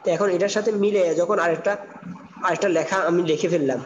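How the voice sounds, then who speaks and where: Man, Quran recitation teacher, fairly high voice, slow syllable drills, dull lo-fi sound. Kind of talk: spelling-out tajweed lesson. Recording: dull lo-fi sound with long reverb.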